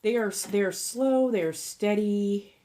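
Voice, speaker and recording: A woman's voice: mid-range voice, unhurried, mellow. A woman with a Southern California accent chatting casually and informally to viewers as a livestream host and tarot reader, rambling a little as she goes.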